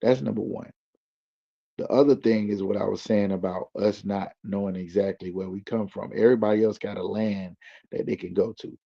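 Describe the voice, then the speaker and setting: A man's voice: fairly low pitch, fairly even intonation, normal speed, gravelly, dark tone. A man speaking as a guest in loose slang, building his points like a preacher. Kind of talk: casual explaining. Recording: dull lo-fi recording.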